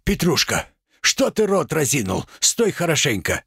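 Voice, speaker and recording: A man's voice: a little high, very animated, measured pace, gravelly, fairly bright tone, breathy edge, dry recording, clean studio sound, exaggerated voice. A man reading a play aloud, voicing a shrewd, stubborn merchant who talks with sly, homespun deference.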